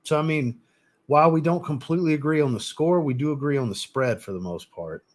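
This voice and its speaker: A man hosts a live stream with rambling, casual chat commentary in a voice on the high side, a little fast. He's blunt and swears mildly now and then, often restarting and repeating himself.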